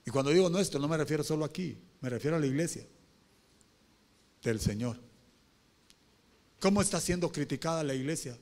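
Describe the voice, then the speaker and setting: A man preaching a sermon as pastor, moving from low talk to shouted pleas and calling on the congregation with questions. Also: expressive, a little fast, pauses often. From Honduras.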